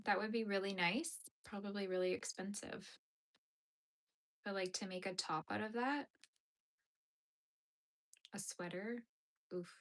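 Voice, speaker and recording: On a rough recording, a woman in her thirties with a mid-range, fairly bright voice talks at a measured, steady pace, leaving long pauses. She hosts a knitting channel and rambles casually through viewer questions as she knits, using lots of fillers.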